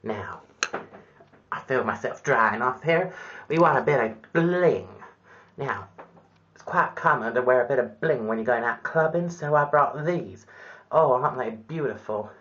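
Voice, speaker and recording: A man hosts a comic spoof of a makeup tutorial, talking in a chirpy, mock-instructional patter. His pitch swoops up and down with lively energy. The recording sounds dull and lo-fi. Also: unhurried. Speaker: parody makeup tutorial presenter.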